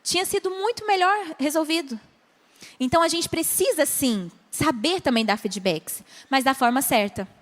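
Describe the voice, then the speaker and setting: A Brazilian woman pastor teaching at a conference, animated, acting out short dialogues and asking the audience questions. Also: high voice, normal speed. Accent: Brazilian Portuguese. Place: large conference hall. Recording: long hall reverb.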